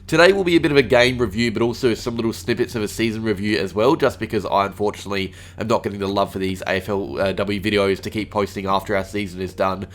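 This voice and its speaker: An Australian man hosts a solo sports review, a little under the weather with a cold. He talks at a brisk clip in a lowish voice and peppers his sentences with "uh" fillers. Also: fairly even intonation. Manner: rapid, with frequent "uh" fillers. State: a little sick. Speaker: fan channel host.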